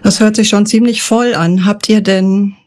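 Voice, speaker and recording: A woman's voice: medium pitch, steady tone, normal speed, darkish tone. A woman hosting a podcast interview, asking her guests friendly questions.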